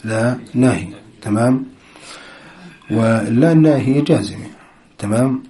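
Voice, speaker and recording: A man teaching grammar, asking his own questions, answering them and repeating key terms, often clearing his throat. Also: mid-range voice, unhurried, dark tone. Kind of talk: explanatory lesson with quiz questions.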